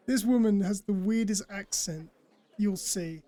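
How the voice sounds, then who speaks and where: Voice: medium pitch, unhurried, mellow. Chatty streamer rambling over gameplay. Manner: chatty, rambling, laughs often. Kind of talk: casual gameplay commentary.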